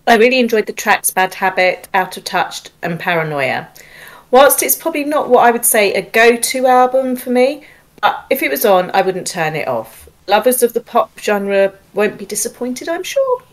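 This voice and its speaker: A woman giving a measured, slightly formal album review. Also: fairly high pitch, animated. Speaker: panelist reviewer.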